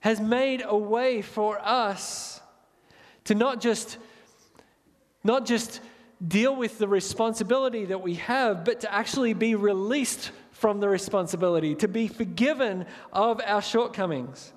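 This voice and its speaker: A man preaching a sermon, earnest and reading scripture slowly and gravely. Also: high voice, big-room sound. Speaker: pastor.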